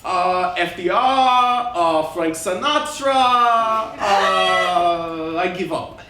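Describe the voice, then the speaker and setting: A man's voice: sits high, very slow, exaggerated voice. An actor playing a scheming Hitler figure disguised as an American man, speaking with a German accent in a stiff, formal way, in a staged comedy reading. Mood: evasive. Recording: echoey stage with loud audience laughter.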